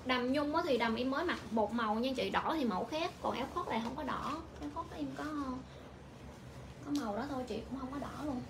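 A woman's voice: high voice, noisy background. A young woman with a Vietnamese accent selling clothes on a livestream, repeating prices and sizes over and over. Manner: repetitive, rapid-fire price calling. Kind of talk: livestream sales pitch.

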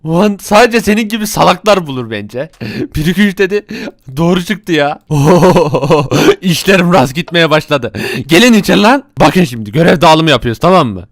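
Brash, quick-tempered gang boss of a crew of bumbling thieves, played by a man in a block-game role-play, with a fairly high voice that barks orders and flares up at his crew. The sound is close and dry, with no room around it. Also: expressive, dry recording. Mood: bossy. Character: brash bossy male thief gang leader.

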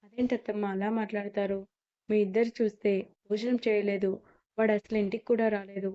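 A woman voicing a caring middle-aged mother-in-law who speaks gently and coaxingly, on a slightly muffled recording. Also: mid-range voice, level tone, fairly quick, close to an everyday voice. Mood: tender.

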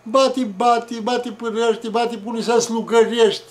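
A man tells a story from his childhood. His voice sits fairly high for a man, and his delivery is slow, reflective and homespun. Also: steady tone. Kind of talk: folksy oral storytelling.

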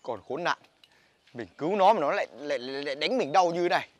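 A man acting in a comedy sketch, talking in a brash, shouty comic way. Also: fairly high pitch, animated, fast talker, no room sound.

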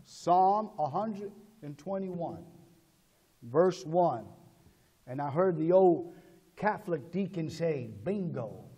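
A male pastor preaching a sermon in call-and-response style, swinging between shouted calls and low asides. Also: expressive, slow pace, long pauses, in a large hall.

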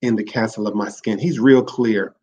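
Hosting a livestream about literature, a man speaks earnestly and reflectively, reading excerpts aloud and frequently restarting phrases to fix them. His voice is lowish and darkish at a normal speed with fairly even intonation, and the audio has cut-off highs and a little hiss or hum.

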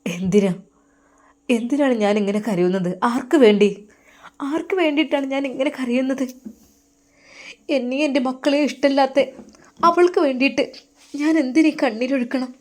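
A woman's voice: sits high, normal speed, long pauses, a little mellow, natural voice. A woman voicing a grieving young husband, praying through tears in a storybook reading. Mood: bitter. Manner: tearful pleading prayer.

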